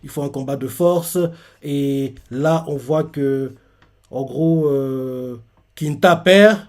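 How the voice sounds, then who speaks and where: A man's voice: medium pitch, takes it slowly. Rambling man recapping a manga chapter. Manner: rambling, many fillers. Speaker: manga reaction host. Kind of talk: live manga chapter reaction.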